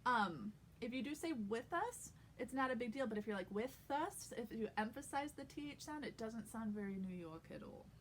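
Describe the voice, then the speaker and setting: A woman's voice: fairly high pitch, expressive, brisk, hardly any pauses, a little hiss or hum, poor audio. A woman giving a casual accent lesson as an acting coach, chatting and demonstrating vowel and consonant sounds aloud.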